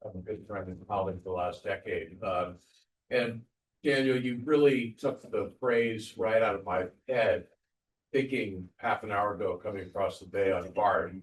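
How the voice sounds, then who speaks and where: A mature man with a lowish voice moderates a panel in a measured, anecdotal way. He sounds set back from the microphone, with faint noise around him. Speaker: panel moderator, former speechwriter. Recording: distant mic with faint room noise.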